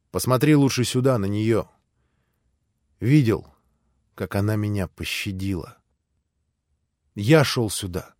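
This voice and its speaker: A gentle, devout young man who speaks quietly and earnestly, and firmly when it matters, as read by a male narrator. The voice sits lower and softer than the other figures, in a dry, close recording. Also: no room sound. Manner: firm but quiet, heartfelt.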